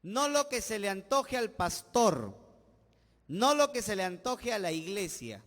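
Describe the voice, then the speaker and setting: A man with a Peruvian accent, a pastor preaching a sermon, swelling loud on key words and dropping low at the ends of phrases. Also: big pitch swings, measured pace, long reverb tail. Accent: Peruvian Spanish. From Peru. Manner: preaching with call-and-response asides, swelling and dropping volume.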